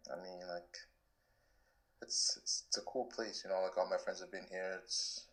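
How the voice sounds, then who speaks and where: A Canadian man in his twenties, a guest soccer player, answers interview questions in a relaxed, loose way, full of "like" fillers and restarts. His voice is low and his pace moderate.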